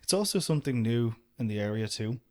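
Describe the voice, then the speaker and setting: A man's voice: mid-range voice, fast. A young Irish man, an outdoor business owner, talking casually and rambling as a podcast guest. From Ireland. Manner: relaxed, rambling, lots of "do you know". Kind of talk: casual interview chat.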